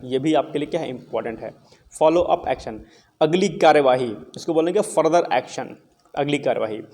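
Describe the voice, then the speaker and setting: A man's voice: fairly high pitch, darkish tone. Male teacher who quizzes himself aloud. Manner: repeats questions and answers them himself; casual, encouraging. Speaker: exam coaching teacher. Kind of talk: explaining vocabulary to students.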